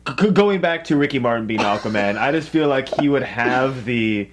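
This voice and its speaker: A man's voice: medium pitch, expressive, normal speed, background noise. A man co-hosting a podcast, chatting casually with a playful, wry manner. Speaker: podcast co-host. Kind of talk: casual joking banter.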